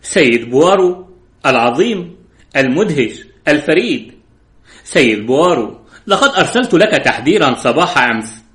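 A man voicing a cold, mocking French woman who leads a criminal gang, speaking softly and with icy calm. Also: mid-range voice, lightly acted. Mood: sneering. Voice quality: cold, soft-spoken. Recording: roomy echo.

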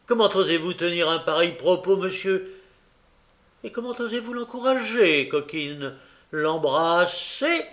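Storybook figure: man playing a booming, self-important beadle, raised pitch. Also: sing-song, a little slow. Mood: outraged. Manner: pompous, scolding, booming. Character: pompous indignant parish beadle, middle-aged man.

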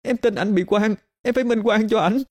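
A man voicing a young village woman who pleads and cries in a high, strained voice. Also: steady tone, fast, natural voice. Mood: tearful pleading. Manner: high strained crying pleas.

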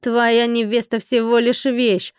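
A woman voicing a brash, scheming young woman with a haughty, shouting manner. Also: medium pitch, level tone, a little fast, no room sound, studio quality, natural voice. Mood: shrill, shouting.

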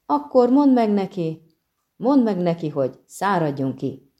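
A woman voicing a haughty, petulant female siren in an audiobook, shrill and demanding. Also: big pitch swings, mellow, highs cut off, close to an everyday voice. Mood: indignant. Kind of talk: audiobook reading.

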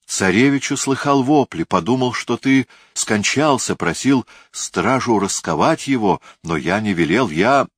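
A man voicing an alarmed palace guard captain making a hurried, anxious report. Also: lowish voice, animated, husky, no room sound, clean studio sound, voice pushed up.

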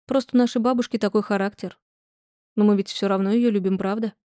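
Gentle young mom, woman reading her, soft and mellow, dry. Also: mid-range voice, steady tone, quick pace, no room sound, close to an everyday voice. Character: gentle tearful young mother.

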